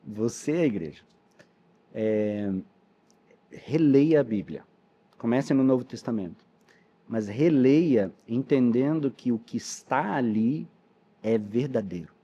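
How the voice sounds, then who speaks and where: A man's voice: mid-range voice, expressive, takes it slowly, pauses often, dark tone, husky, lo-fi sound. A man, a pastor and missionary telling his testimony in a podcast interview with earnest storytelling. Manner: storytelling, earnest, quotes dialogue.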